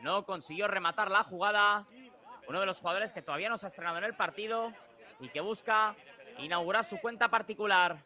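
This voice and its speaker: A man with a Spain accent giving breakneck, excitable live football commentary, with drawn-out goal shouts. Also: sits high. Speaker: sports commentator.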